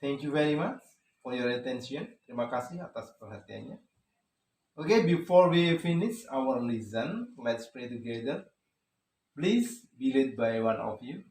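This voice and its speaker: A man's voice: medium pitch, animated, measured pace, a little mellow. A man with an Indonesian accent teaching an English lesson to a class, switching between English and Indonesian and quizzing the students. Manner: mixes English and Indonesian, asks class questions. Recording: echoey classroom.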